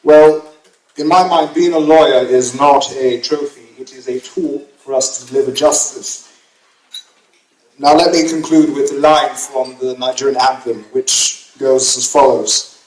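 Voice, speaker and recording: A man's voice: medium pitch, fairly even intonation, a little slow, darkish tone. A young man giving an earnest, uplifting award acceptance speech at a gala dinner. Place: banquet hall at gala dinner. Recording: echoey banquet hall.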